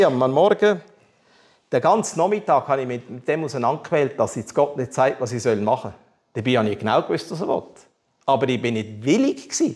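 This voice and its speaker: Lively Swiss German preacher. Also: male voice, mid-range voice. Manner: animated, candid storytelling with humor. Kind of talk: testimony sermon.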